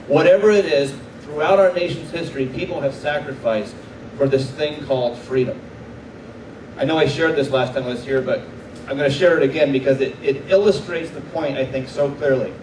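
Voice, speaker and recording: A middle-aged man, a military chaplain, giving an earnest inspirational speech to a live audience and slowing down to stress his key points. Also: fairly high pitch, darkish tone. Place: large room before an audience. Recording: echoey room, distant mic, faint background noise.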